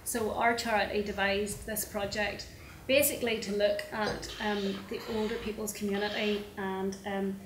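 A woman's voice: mid-range voice, little pitch movement, moderate pace. A woman from Northern Ireland with a Northern Irish accent, introducing her charity work on a panel in a matter-of-fact way. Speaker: charity project officer on a panel. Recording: echoey hall with audible noise.

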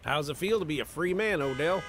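In an audio drama, a male actor with a fairly high voice plays a steady, devout friend and mentor who speaks in a measured, exhorting way. The mood is firm yet friendly. Soft music plays in the background.

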